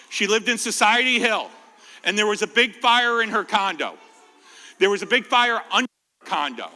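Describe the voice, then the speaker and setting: A firefighter with an American accent and a high, sharp voice tells stories to children during a talk. He keeps things animated, informal and jokey and asks the kids questions. The talk takes place in an indoor library room where the sound echoes like a hall.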